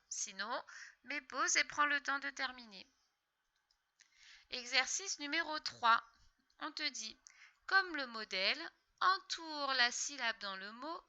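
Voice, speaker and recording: Woman teacher, bright higher voice, slow patient delivery for small kids. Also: smooth. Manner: slow, patient, step-by-step instructions. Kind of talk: reading lesson for young children.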